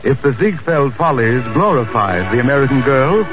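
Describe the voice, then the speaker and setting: A man's voice: mid-range voice, lively intonation, normal speed, low-quality recording. A man introducing a song in a polished, formal vintage radio-announcer style, heard from an old broadcast recording. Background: loud orchestral music.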